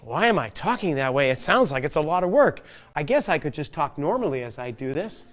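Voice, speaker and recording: A man's voice: fairly high pitch, sing-song, brisk, fairly bright tone. A man leading a children's P.E. class, encouraging the kids and asking them playful questions while he demonstrates each move. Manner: demonstrates while moving, narrating his own steps. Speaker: fitness trainer leading a kids' P.E. class. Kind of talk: guided children's exercise class.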